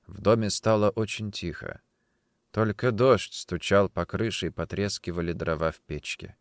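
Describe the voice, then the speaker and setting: A man narrating an audiobook in a calm, measured storytelling voice that drops quiet at tense moments. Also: low-pitched, no echo, clean studio sound. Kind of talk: scripted narration.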